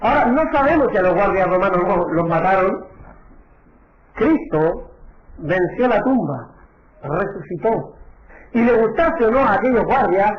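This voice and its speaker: A pastor preaching a sermon, asking the congregation rhetorical questions and calling them brother. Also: male voice, sits high, a little hiss or hum. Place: church. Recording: echoey, dull lo-fi church recording.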